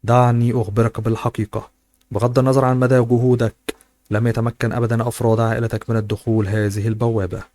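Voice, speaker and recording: A man's voice: mid-range voice, flat delivery, fast, darkish tone, a little hiss or hum, lightly acted. Sami, an arrogant young man, read by a man. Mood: contemptuous. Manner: contemptuous reading.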